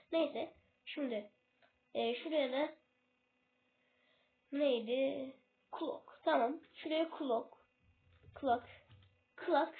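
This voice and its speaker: A woman with a high voice explains English words in a casual video lesson. She hesitates and keeps losing her place, stopping to correct herself. Her voice comes through a thin, tinny, phone-like recording. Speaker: self-made English tutor.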